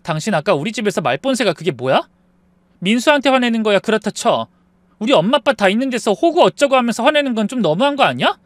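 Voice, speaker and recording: Man voicing a shrill, tearful young wife. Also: very animated, fast talker, no echo. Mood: angry. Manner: shrill, raised voice, accusing.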